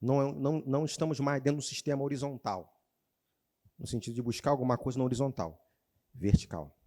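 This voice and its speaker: A male pastor preaching a sermon in church, calling out questions to the congregation and moving between loud exclamations and quiet, low passages. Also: a little fast. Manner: animated preaching, calls out to the congregation, shifts between shouting and quiet.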